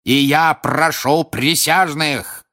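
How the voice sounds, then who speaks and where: A man voicing a hateful, stern older male judge who declaims and shouts harshly, in an audiobook. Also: on the low side, unhurried. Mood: raging. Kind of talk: audiobook character voice.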